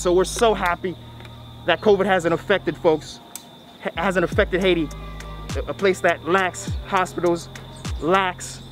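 A man in his thirties hosting a vlog to camera through a face mask, emphatic and repeating phrases for effect. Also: high voice. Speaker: video series host. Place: outdoors on a tree-lined roadside.

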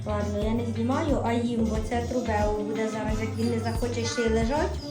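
A woman's voice: a little high, flat delivery, fairly quick, music in the background. A young woman vlogging casually as a mother, chatting to the camera and cooing to her baby. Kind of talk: casual daily vlog.

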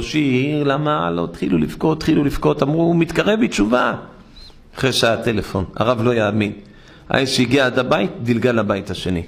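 A middle-aged rabbi preaching a fervent sermon in a synagogue. His fairly high voice drops to low, quiet asides, then leaps up into sharp exclamations as he tells his stories and urges his listeners on. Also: vocal fry. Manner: impassioned storytelling preacher, swings between low murmurs and high exclamations.

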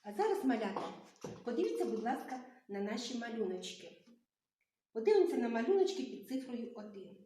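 A woman teaching young children, asking questions and praising them in a slow, sing-song teacherly way. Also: fairly high pitch, sing-song, mellow. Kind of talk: children's literacy lesson. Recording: very echoey room.

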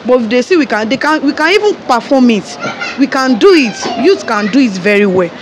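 A woman's voice: fairly high pitch, expressive, brisk. A young woman with a Nigerian accent answering a street interview, hesitant and searching for words with many fillers. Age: young adult. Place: outdoors by a painted wall. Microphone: phone held close by interviewer. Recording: street noise behind.

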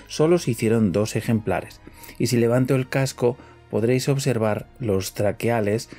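A man's voice: mid-range voice, normal speed, mellow, faint music behind. A man presenting in the style of a scripted documentary narration.

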